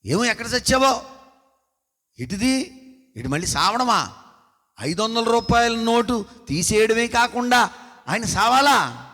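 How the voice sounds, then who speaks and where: A man's voice: sits high, bright, forceful tone. A man preaching a sermon as pastor, questioning the congregation and calling for responses in a church hall. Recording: long hall reverb.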